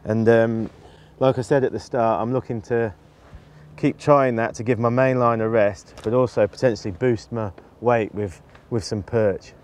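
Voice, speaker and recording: A man in his forties talks through his tackle in a practical, explanatory way and often restarts his sentences. He is outdoors on a riverbank and recorded close on a lapel mic. His voice sits at an ordinary middle pitch. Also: steady tone, moderate pace, a little mellow. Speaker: match angler demonstrating tactics. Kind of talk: instructional talk to camera.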